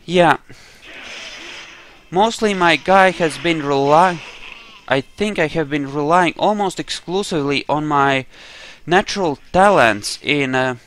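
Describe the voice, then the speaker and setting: Thinking aloud as he plays through a roleplaying game, a man gives rambling, casual commentary with dry, wry sarcasm. His voice is on the high side and fairly bright, and he speaks unhurriedly.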